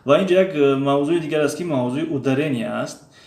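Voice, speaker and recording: A man explaining a language lesson slowly, repeating drill words aloud one by one. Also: a little high, gravelly, darkish tone, reverberant. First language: Tajik. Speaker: language teacher.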